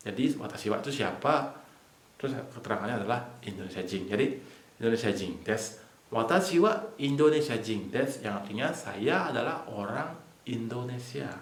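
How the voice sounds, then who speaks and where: A man teaching a casual online language lesson, explaining slowly step by step and repeating key points. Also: mid-range voice, expressive. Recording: echoey room.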